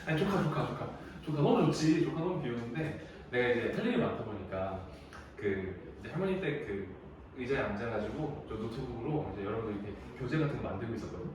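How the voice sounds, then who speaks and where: Lively, chatty male teacher in an echoey room. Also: medium pitch, a little fast, distant mic. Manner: chatty storytelling, lively, laughs often. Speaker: high school English teacher. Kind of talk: casual classroom lecture. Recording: very echoey room, voice from the mic, faint noise.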